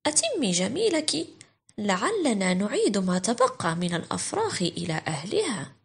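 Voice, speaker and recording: A woman voicing a helpful, reassuring male woodpecker in a children's storybook, expressive and instructive. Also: mid-range voice, moderate pace, gravelly, breathy edge, exaggerated voice. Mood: encouraging.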